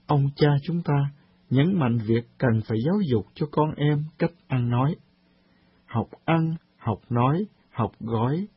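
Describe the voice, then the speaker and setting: A man presenting a scripted radio talk programme, reading in a calm, measured way. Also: medium pitch, husky, no room sound. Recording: dull lo-fi radio recording.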